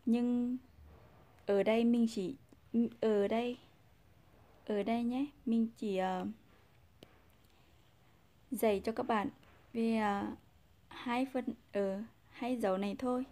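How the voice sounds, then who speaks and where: A woman teaching a casual language lesson, patient, repeating example sounds and pausing with fillers; Vietnamese is her first language. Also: on the high side, steady tone, mellow.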